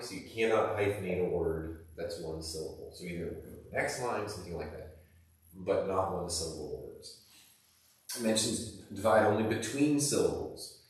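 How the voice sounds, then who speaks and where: In a recorded classroom lesson, a low-voiced male teacher explains things in a loose, rambling, casual way packed with fillers. A camera mic across the room picks him up, and the echoey room booms around his voice.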